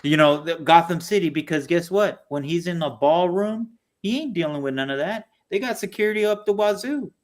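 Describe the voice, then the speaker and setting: A man's voice: a little high, brisk, few pauses. A man co-hosting a casual political podcast, talking animatedly with frequent fillers and mocking put-on voices. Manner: animated, mocking impressions of opponents. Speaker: podcast co-host.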